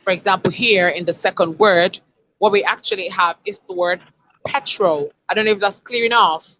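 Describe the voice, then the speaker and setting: A woman's voice: mid-range voice, steady tone, fairly quick, fairly bright tone, dull audio. Woman teaching pronunciation. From Africa. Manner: explanatory, demonstrates word sounds. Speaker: communication expert. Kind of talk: online pronunciation lesson.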